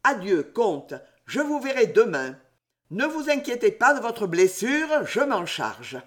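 Man doing a suave mystery gentleman, cordial, teasing, high voice, storybook. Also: sing-song, a little slow, exaggerated voice.

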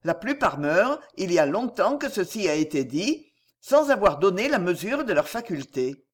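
A reader voicing a calm, teasing wealthy gentleman. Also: medium pitch, moderate pace. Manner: calm, easygoing. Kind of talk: audiobook reading.

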